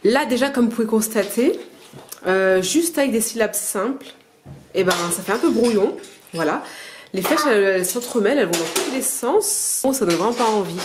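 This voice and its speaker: A woman's voice: fairly high pitch, lively intonation, normal speed, background noise. Hesitant woman explaining home lessons. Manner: hesitant, full of filler sounds. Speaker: homeschooling mother. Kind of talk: casual explanation to camera. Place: home, at a whiteboard with her children.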